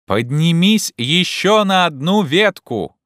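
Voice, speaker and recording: A man voicing an excitable, feverish gentleman who shouts with loud urgency. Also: fairly high pitch, slow, dry recording, studio quality, pitched above the performer's own voice. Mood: agitated shouting.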